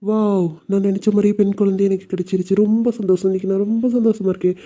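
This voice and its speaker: A woman playing an eager new husband, fast-talking. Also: medium pitch, level tone, warm tone, natural voice. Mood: hopeful. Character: young husband, anxious then overjoyed new father. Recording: noisy home recording.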